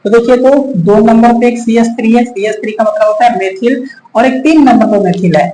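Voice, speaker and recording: This chemistry teacher has a very high, mellow voice and talks a little fast as he patiently repeats steps at the whiteboard. He counts aloud and speaks to his students as children, in an echoey room with faint ambience and slight background noise.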